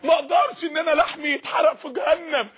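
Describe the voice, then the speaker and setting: An Egyptian man preaching an impassioned sermon, shouting repeated refrains. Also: very high voice, fairly even intonation, very fast.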